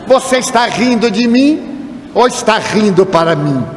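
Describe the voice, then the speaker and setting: A man voicing a gruff stranger in an airport line who shouts challenges and then pleads for advice, in a lively high voice and an echoey hall. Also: unhurried. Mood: confrontational. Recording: echoey hall with faint noise.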